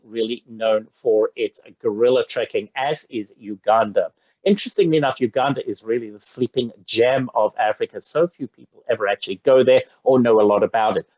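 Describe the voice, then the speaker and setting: A man's voice: mid-range voice, darkish tone, dry recording, lo-fi sound. A man from Zambia giving an enthusiastic, effusive presentation on a video call webinar. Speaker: safari travel presenter.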